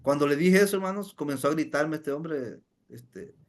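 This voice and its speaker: A man with a rather high voice recounts a testimony to his listeners. He speaks as an evangelist, keeps addressing them as brothers, and fills his pauses with "este". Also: lively intonation. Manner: keeps calling listeners "hermanos", many "este" fillers. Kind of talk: storytelling testimony to a congregation.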